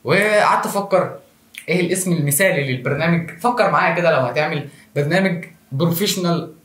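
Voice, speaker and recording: A man's voice: a little high, fast talker, a bit bright. A man with an Egyptian accent delivering a jokey comic monologue to a phone camera, with self-mocking asides. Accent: Egyptian Arabic. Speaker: comedy show host. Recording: roomy echo.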